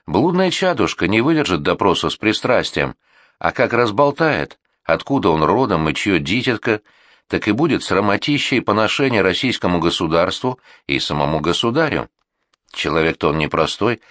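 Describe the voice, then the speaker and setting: A man narrating a historical novel as an audiobook with expressive, varied intonation. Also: low-pitched, normal speed, dry recording, studio quality. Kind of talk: scripted narration.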